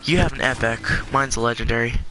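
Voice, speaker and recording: A man's voice: medium pitch, quick pace, very noisy. A congested young man giving rambling, filler-heavy casual commentary while playing a game. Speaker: gaming YouTuber.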